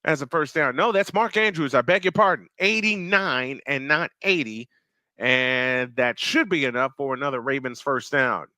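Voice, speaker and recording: A man in his fifties calling a football game live play-by-play, slightly hoarse, reading viewer chat between plays and getting excited on big runs. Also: mid-range voice, normal speed, dry recording, studio quality. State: slightly hoarse, clearing throat. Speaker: play-by-play announcer.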